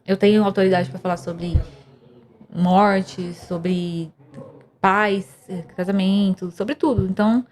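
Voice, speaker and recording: A woman's voice: mid-range voice, steady tone, slow pace, darkish tone. A young woman, earnestly telling a personal story of faith and depression as a podcast guest, with many restarts. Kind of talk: emotional personal testimony.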